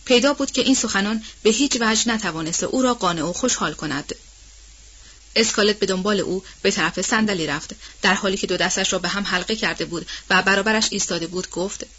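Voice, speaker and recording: A woman narrating a novel in a steady, measured storytelling voice, on a dull, muffled recording. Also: medium pitch, slightly rough. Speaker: audiobook narrator.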